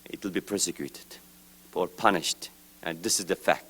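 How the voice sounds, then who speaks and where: Speaking formally from prepared remarks at a press event, this man from East Turkestan is low-pitched and husky with a fairly bright tone. His delivery is slow, deliberate and emphatic, and his phrases trail away at the close.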